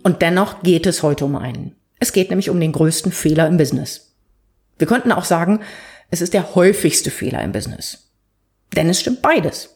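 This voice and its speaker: A woman's voice: lowish voice, expressive, moderate pace, a little mellow, faint music behind. A woman hosting a podcast, presenting and chatting in a structured, explanatory way with vivid examples. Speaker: podcast host.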